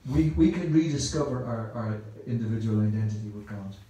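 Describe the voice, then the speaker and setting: An Irishman with a lowish, dark voice gives a brisk but rambling, conversational Sunday talk in a temple hall, repeating words as he goes. The room is very echoey.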